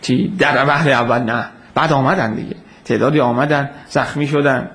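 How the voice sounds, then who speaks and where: A man giving an informal lecture on religious history, telling the story lively and answering questions from his listeners. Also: medium pitch. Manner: animated storytelling, acts out quoted voices, takes audience questions.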